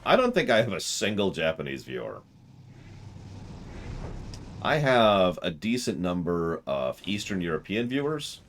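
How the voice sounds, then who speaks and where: A man with a deep, gravelly voice streams a game, casually chatting with viewers and rambling in a self-deprecating way.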